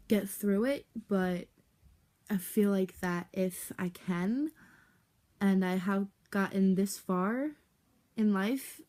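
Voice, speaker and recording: Young woman vlogging, mellow halting voice. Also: mid-range voice. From United States. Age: young adult. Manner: halting, candid, with many fillers and restarts. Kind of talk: personal life story vlog.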